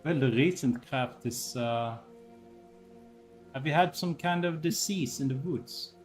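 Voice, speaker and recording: A man playing a tabletop role-playing game, talking in improvised role-play with hesitant, halting phrasing. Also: medium pitch, faint music behind.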